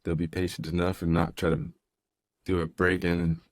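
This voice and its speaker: A man's voice: low-pitched, completely flat delivery, normal speed, no echo, clean studio sound. A young man hosting a casual podcast, easygoing and rambling, reading listener comments aloud. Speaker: podcast host, professor.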